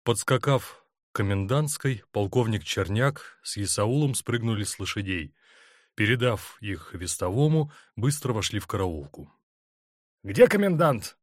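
Male audiobook reader, low voice, animated delivery, dry booth. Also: moderate pace, dry recording. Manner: expressive, dramatic reading. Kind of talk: scripted narration.

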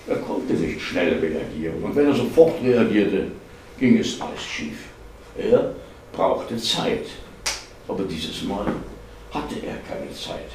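A man reads literary prose aloud in a measured way, at a middle pitch. He sounds far from the microphone in a very echoey hall, with a faint noise floor behind. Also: big pitch swings, a little mellow. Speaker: reader. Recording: echoey hall, distant mic.

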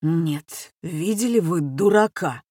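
A woman's voice: on the low side, lively intonation, slow pace, dark tone, breathy edge, dry recording, clean studio sound, heavily acted. A woman voicing a pompous, easily flustered retired captain and father. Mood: indignant. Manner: pompous, blustering.

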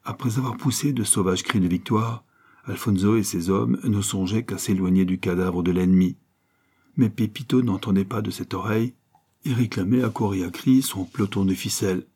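A man's voice: normal speed, a little mellow, breathy edge. A man reading an adventure novel aloud as scripted narration, lifting his voice for the characters' lines. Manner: reads dialogue with lifted, livelier pitch. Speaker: audiobook reader.

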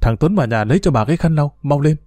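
A man's voice: fairly high pitch, lively intonation, rapid-fire, darkish tone, no echo, lightly acted. A man doing a soothing old grandmother. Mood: bustling. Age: older. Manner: soothing, smoothing things over. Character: gentle, placating old grandmother, easygoing.

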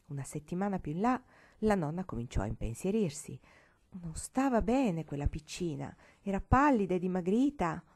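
Expressive woman reading a storybook. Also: lowish voice, moderate pace. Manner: expressive, sometimes dropping to a whisper. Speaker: audiobook reader.

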